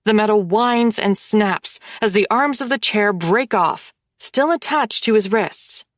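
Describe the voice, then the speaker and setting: A woman narrating a first-person dark romance audiobook in a measured, dramatic way. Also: mid-range voice, no room sound, clean studio sound.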